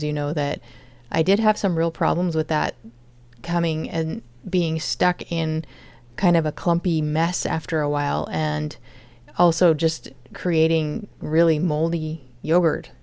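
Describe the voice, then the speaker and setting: A woman's voice: deep voice, darkish tone, clean tone, dry recording. A woman casually narrating her home cooking vlog, explaining each step as she goes. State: chronic fatigue.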